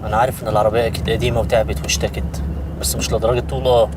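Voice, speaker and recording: An actor with an Egyptian accent playing a boastful, fast-talking male hustler in a comedy series, teasing and bluffing. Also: lowish voice, level tone, distant mic, heavy background noise, natural voice. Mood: mocking. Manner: mocking, teasing, rapid-fire bluffing.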